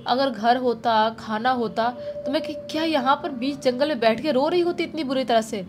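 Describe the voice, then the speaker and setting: A woman's voice: sits high, normal speed, noisy background, lightly acted. A woman voicing a sad, hungry orphaned young village girl who speaks plaintively, in her own voice. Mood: sorrowful. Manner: tearful, plaintive.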